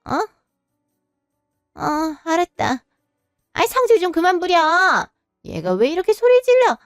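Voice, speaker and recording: A woman's voice: extremely high pitch, huge pitch swings, unhurried, dry recording, clean studio sound, soft background music, heavily acted. A woman voicing a domineering elderly mother who scolds and gets flustered. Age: older.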